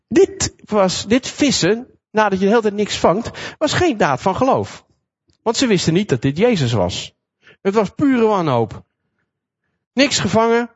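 A man preaching a sermon, retelling a Bible story in a lively storytelling manner and acting out the quotes. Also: high-pitched. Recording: dull lo-fi recording.

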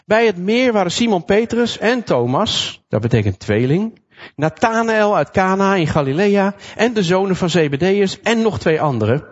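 Male preacher, fairly high voice, vivid storyteller who acts out quotes; slightly dull recording. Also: normal speed. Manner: lively storytelling, acting out quotes. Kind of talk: sermon retelling a Bible passage.

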